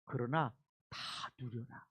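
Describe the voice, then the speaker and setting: A middle-aged male pastor giving an animated sermon, acting out the people in his Bible story. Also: mid-range voice, slow, slightly rough, lo-fi sound. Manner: animated, acts out biblical quotes in lively voices.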